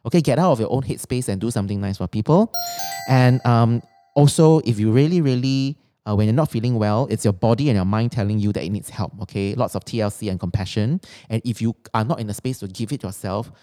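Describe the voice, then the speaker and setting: Low-voiced man chatting in Singlish slang. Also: fast, dark tone. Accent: Singaporean or Malaysian. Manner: uses slang particles like lah and leh. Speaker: host and coach. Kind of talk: casual chat with colloquial Singlish slang.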